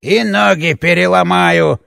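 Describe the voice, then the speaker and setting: Man doing a gravelly, sneering old chief. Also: high-pitched, a bit bright, no echo, clean studio sound, exaggerated voice. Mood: menacing. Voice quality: gravelly creaky voice. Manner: slow, sneering, threatening drawl. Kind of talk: audiobook character voice.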